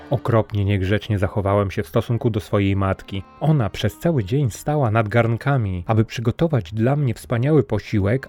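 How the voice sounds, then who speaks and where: A man's voice: medium pitch, dark tone, close to an everyday voice. A man voicing a sly male robber who spins a tall tale with eager, wheedling patter, in a storybook reading.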